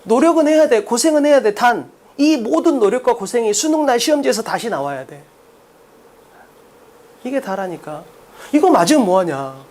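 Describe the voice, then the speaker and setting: A brash male test-prep lecturer at the blackboard talks bluntly, constantly tossing rhetorical questions at his students. His pitch swings widely, rising and dropping with emphasis as he drives each point home. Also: big pitch swings, normal speed, a little mellow.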